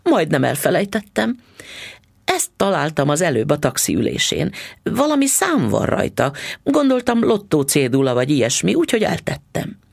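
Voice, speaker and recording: A man reading a storybook voices a chatty, affectionate wife with a gushing, lilting manner and a creaky, husky tone. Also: sits low, wildly swooping pitch, voice pushed up, heavily acted. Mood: sweetly gushing.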